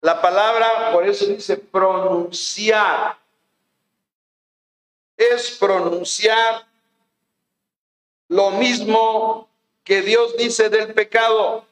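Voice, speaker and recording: Mexican man, pastor, folksy sermon, high voice, echoey church. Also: fairly even intonation, very slow, long pauses, a bit bright. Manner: folksy, conversational preaching with rhetorical questions.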